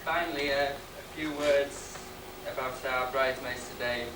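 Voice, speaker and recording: A man gives a prepared wedding speech as the groom, with dry jokes. His medium-pitched voice reaches a distant microphone in an echoey room, under heavy noise. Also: steady tone, moderate pace.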